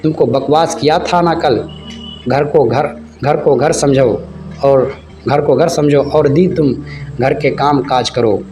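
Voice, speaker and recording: A man's voice: medium pitch, takes it slowly, mellow, faint music behind, natural voice. A man voicing a harsh older father-in-law who scolds and stumbles over his words. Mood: angry.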